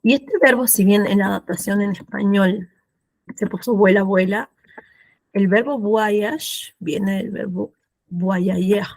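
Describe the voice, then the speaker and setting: Female French teacher, Argentine accent, slow deliberate delivery, slight fry, dry close sound. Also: mid-range voice, a little mellow, no echo. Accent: Argentine Spanish. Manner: patient, repeats words slowly, asks "¿sí?" often. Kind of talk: classroom explanation of pronunciation.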